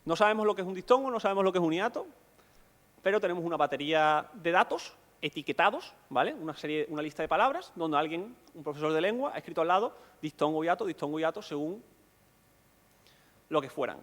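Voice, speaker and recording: A man's voice: on the high side, expressive, fast, a bit bright, big-room sound. A man giving a conference lecture, explaining step by step and often checking in with rhetorical questions.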